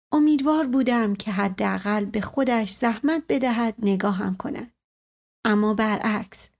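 A woman reads a first-person short story aloud as an audiobook. Her pacing is measured and even. Her voice sits a little high. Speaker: audiobook reader.

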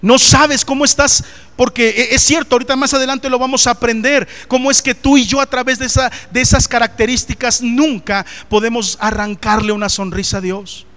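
High-voiced preacher. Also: male voice, brisk. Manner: animated, questions the congregation directly. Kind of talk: sermon.

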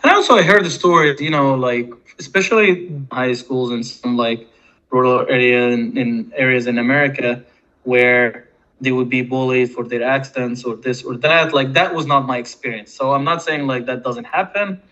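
A man with an Egyptian accent talks in a forceful, bright voice at a middle pitch. He is conversational but halting, circling back over his words. The recording is slightly dull and lo-fi. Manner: hesitant, halting delivery with repeated words. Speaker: podcast guest. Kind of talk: casual conversational interview.

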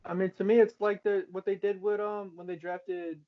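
A man's voice: sits high, flat delivery, moderate pace. A man co-hosting a sports podcast, chatting casually. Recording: muffled lo-fi audio.

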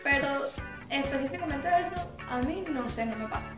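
A woman speaking frankly in a casual chat, telling stories and trailing off softly. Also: high voice, expressive, a little fast, reverberant, music in the background. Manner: frank, storytelling, trailing off quietly. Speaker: podcast guest.

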